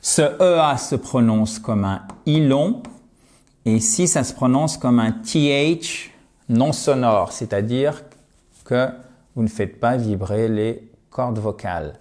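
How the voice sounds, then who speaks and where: A man teaching an English lesson, explaining slowly and repeating each word to model its pronunciation. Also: mid-range voice, darkish tone. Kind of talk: online language lesson.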